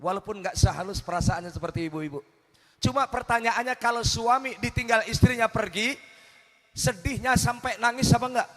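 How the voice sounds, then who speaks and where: A man's voice: extremely high pitch, brisk, sharp tone, in a large hall. A male preacher giving a humorous sermon, teasing the audience with questions. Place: religious gathering at night.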